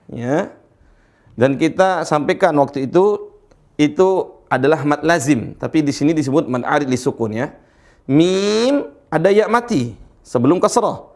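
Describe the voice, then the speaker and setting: A man from Indonesia gives a recitation lesson at an unhurried pace, stretching out the letters he demonstrates. His voice sits a little higher than most men's. He checks often that his listeners follow. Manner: patient, repeats letters slowly, checks understanding. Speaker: Quran recitation teacher. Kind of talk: slow explanatory lesson with drawn-out recitation.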